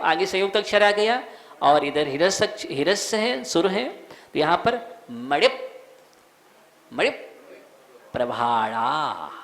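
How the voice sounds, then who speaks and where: A man, a monk, teaching the recitation of a devotional verse, slowly sounding out each word and asking listeners to repeat. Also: sits high, a bit bright. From India. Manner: slow, repeats words, quizzes listeners; chants verses in a sung tone. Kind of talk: recitation and pronunciation lesson.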